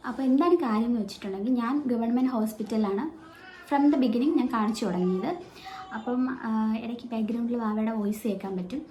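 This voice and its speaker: A woman's voice: on the high side, mellow. A woman with a Malayali accent telling a personal story in a casual vlog, chatty and full of fillers, recorded without a microphone. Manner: chatty, explains with many fillers and restarts. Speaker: vlogger. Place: at home with her baby nearby. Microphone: no microphone, phone or camera mic. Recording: echoey room, faint background noise.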